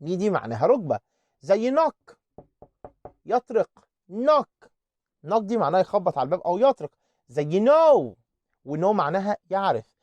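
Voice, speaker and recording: A man with an Egyptian Arabic accent teaching an online English lesson, repeating words slowly to drill their pronunciation. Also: high-pitched, sing-song, a little mellow, muffled recording.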